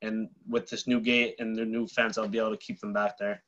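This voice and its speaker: A man's voice: fairly low pitch, level tone, fairly quick, fairly bright tone, highs cut off. A man applying for a fence variance, explaining plainly over a video call with some ums. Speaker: applicant.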